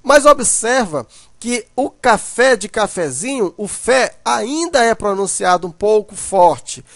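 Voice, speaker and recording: Man, high voice, patient lesson explaining, repeats "né", dry. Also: lively intonation, slow, no echo. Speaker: teacher. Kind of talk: recorded grammar lesson.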